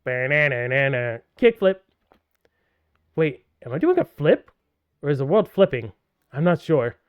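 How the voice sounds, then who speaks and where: A man's voice: fairly high pitch, big pitch swings, unhurried, clean tone, no echo, muffled recording. Playful man with sarcastic game commentary. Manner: playful, sarcastic, bursts into loud outbursts. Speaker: let's play gamer.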